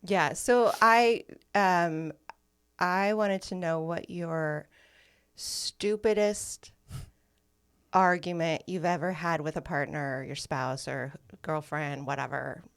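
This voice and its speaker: A woman co-hosts a casual chat show from a studio, her voice a little low for a woman. She talks in a teasing, sarcastic way. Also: fairly even intonation, slow, clean tone, no echo. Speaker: podcast co-host.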